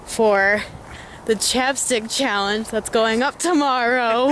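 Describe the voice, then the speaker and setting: A young woman chats into a handheld camera held at arm's length, giggling and rambling with plenty of fillers. Her voice sits a little high and she talks slowly, with faint background noise. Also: a bit bright. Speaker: vlogger. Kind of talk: casual vlog chat. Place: home, then a car at night.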